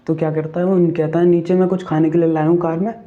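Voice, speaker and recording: A man's voice: fairly high pitch, flat delivery, fast talker, phone-quality sound. A man casually retelling a ghost story, chatty, checking in with the listener and asking questions as he goes.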